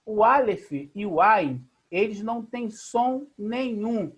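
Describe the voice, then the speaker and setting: A Brazilian teacher with a husky, slightly breathy voice leads a live online lesson over a computer mic. The delivery is patient and methodical. Each point is spelled out, with frequent quick checks that the class is following. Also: mid-range voice. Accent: Brazilian Portuguese. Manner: patient, explains step by step, often checks in with "tá?". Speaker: Bible language teacher. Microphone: video call computer mic.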